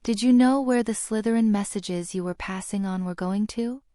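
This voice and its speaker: A woman reading as a haughty young schoolboy from an aristocratic family, drawling every line with bored disdain. The tone is mellow and dark in an audiobook. The recording is close and dry. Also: mid-range voice, normal speed, dry recording, close to an everyday voice. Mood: sneering.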